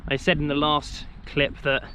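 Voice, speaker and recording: A man's voice: on the high side, completely flat delivery, moderate pace, bright, forceful tone, slight background noise. A young man from England walking outdoors and chatting to a handheld camera, rambling with many ums and restarts. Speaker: walking vlogger. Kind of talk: casual talk to camera while walking. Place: outdoors on a country walk.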